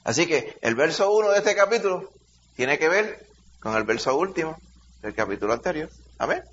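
A middle-aged man with a Dominican accent, a pastor leading a Bible study by telling a lively childhood story with shouted sound effects. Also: a little high, moderate pace. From Dominican Republic. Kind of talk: preaching through a personal story. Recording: dull lo-fi sound, faint hiss.

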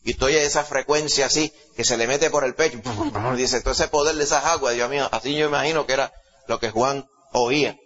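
A man with a Puerto Rican accent preaching a sermon to a congregation, emphatic, rising to loud exclamations and dropping low, often asking his listeners questions. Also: fairly even intonation, brisk, a crowd in the background. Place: church service before a congregation. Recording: dull lo-fi recording.

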